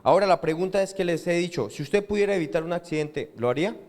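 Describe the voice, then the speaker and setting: A man's voice: high-pitched, fast, darkish tone. A man with a Colombian accent, a pastor preaching a sermon and drawing answers from the congregation with questions. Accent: Colombian Spanish. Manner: call-and-response questions to the congregation. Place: church hall. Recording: church hall with long reverb.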